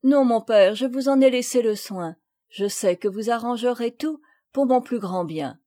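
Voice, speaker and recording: A woman's voice: a little high, normal speed, close to an everyday voice. A woman reading the part of an affectionate young son, speaking eagerly with rising, exclaiming phrases. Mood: earnest. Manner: excited, breathless, exclaiming.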